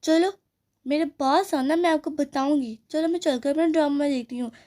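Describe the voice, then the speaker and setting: A woman's voice: high voice, moderate pace, warm tone, lightly acted. A woman voicing a strict mother doll who scolds and bosses her daughters, in a doll play story. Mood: scolding. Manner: scolding, bossy.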